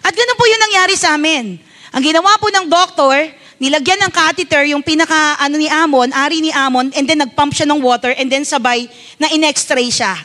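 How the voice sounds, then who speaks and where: A Filipino woman pastor delivers a sermon in a high, light voice. She speaks politely and tells a personal story as a mother, often turning to her congregation for an amen or a nod of agreement. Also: fairly quick, sharp tone. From Philippines.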